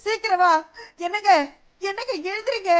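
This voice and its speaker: Sobbing, high-pitched frantic wife. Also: female voice, moderate pace, a bit bright, slight background noise. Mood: frightened. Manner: sobbing, pleading, repeating calls. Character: panicked middle-aged wife pleading with her fainted husband. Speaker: wife in a TV serial. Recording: dramatic background music.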